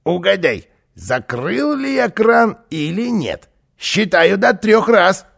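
A man's voice: sits high, big pitch swings, slow, gravelly, a bit bright, voice pushed up, heavily acted. A man voicing a boastful, mischievous plump little man who flies, in a showy singsong manner for a storybook reading. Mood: boastful, teasing. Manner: showy, singsong, self-praising. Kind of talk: storybook reading, voiced character.

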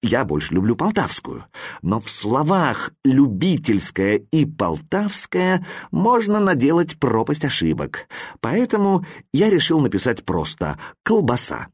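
Живой мужчина-чтец детской сказки. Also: male voice, medium pitch, moderate pace, breathy edge, no echo, studio quality. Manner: lively, playful storytelling. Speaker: audiobook reader. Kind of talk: expressive reading of a children's story.

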